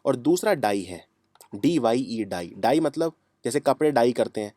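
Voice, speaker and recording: A man's voice: mid-range voice, expressive, unhurried, dark tone, no echo, clean studio sound. Man teaching English words in Hindi. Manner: explanatory, repeats key words, poses and answers his own questions. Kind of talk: Hindi-language lesson explaining English words.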